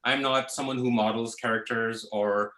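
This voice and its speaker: Male guest, 30s, from Pakistan: easygoing and rambling, bright tone, echoey call audio. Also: medium pitch, moderate pace. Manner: relaxed, full of fillers like "uh" and "you know". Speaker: guest, visual effects artist. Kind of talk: casual interview answers.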